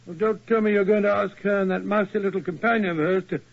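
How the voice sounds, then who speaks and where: An actor playing Doctor Watson in a 1940s radio drama, narrating and talking in a gruff, hearty, blunt way, on a lo-fi old broadcast. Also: male voice, high-pitched, fairly even intonation, fast talker.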